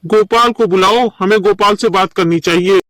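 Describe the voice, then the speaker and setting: A man's voice: high-pitched, moderate pace, noisy background, close to an everyday voice. A man voicing a stern, worried village man in a cartoon story, who speaks in a firm, urging way. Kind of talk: cartoon voice acting.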